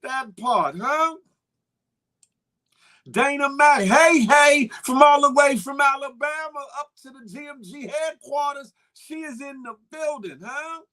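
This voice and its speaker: This is a very high-pitched male voice, speaking a little slowly. He runs a casual live-stream talk show, loudly greeting viewers by name and chatting freely with recurring catchphrases.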